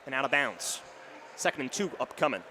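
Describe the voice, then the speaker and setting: Expressive and fairly quick, with a bright, forceful medium-pitched voice, a young man does live radio play-by-play of an American football game. The booth recording clearly picks up the stadium crowd and outdoor ambience.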